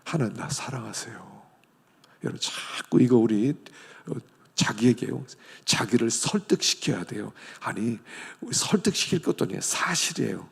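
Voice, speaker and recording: A male pastor delivers an emphatic sermon, leaping from ringing declarations down to near-whispers. His voice is gravelly and husky, and it carries a long reverb through a church hall. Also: mid-range voice, very animated, normal speed. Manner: emphatic, swings between loud declarations and hushed whispers. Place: church sanctuary.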